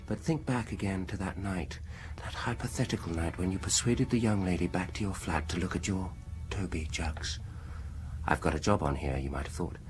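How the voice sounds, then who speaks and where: An actor in a radio horror drama plays a smooth-talking, insistent British dentist coaxing a frightened patient, his deep voice sitting close to an everyday register. The delivery is persuasive, deliberate and theatrical, seductive and coaxing, sometimes sinking to near-whispers. Music plays behind him.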